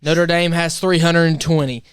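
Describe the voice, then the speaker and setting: A man hosting a sports talk show, talking picks in an emphatic, animated way. His voice sits a bit high and comes across smooth and clear. The sound is dry and close, with no room around it. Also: normal speed, no room sound.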